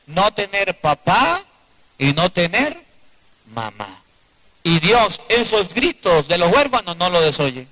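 High-voiced priest preaching emphatically. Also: male voice, very animated, slow pace, pushed and bright, poor audio. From Venezuela. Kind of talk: sermon. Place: church before a live congregation.

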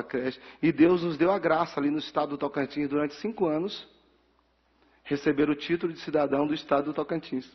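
His voice husky and medium-pitched, a middle-aged man from Bahia, Brazil, delivers a ceremony speech with a Bahian Portuguese accent. He's a pastor being given an honorary title, and he narrates his life story while lively acting out the conversations. The large council chamber gives the dull audio a long hall reverb.

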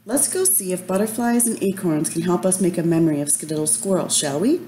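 A woman voicing a gentle, caring mother raccoon who speaks softly and patiently. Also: fairly low pitch, fairly quick, a little hiss or hum, lightly acted. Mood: encouraging. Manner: soft, soothing, patient.

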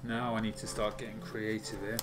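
A man's voice: on the low side, monotone, a little fast. A man in his twenties chatting casually as a guest on a gaming video. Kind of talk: casual chat. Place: small room at home.

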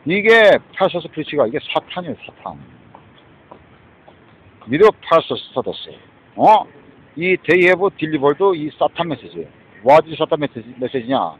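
A ranting Korean man with a raised, husky voice that swings wildly up and down. He curses, jabs with "eh?" and mixes two languages. The dull, lo-fi recording flattens the sound. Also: fairly high pitch, unhurried, pauses often. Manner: cursing, mixing Korean and English, constant "eh?" tags. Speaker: street preacher-style ranter. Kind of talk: angry rambling rant.

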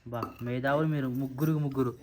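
A man's voice: medium pitch, steady tone. A man talking casually while working at home in a village and telling others what to do. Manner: directing others, brisk. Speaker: vlogger. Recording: loud background noise.

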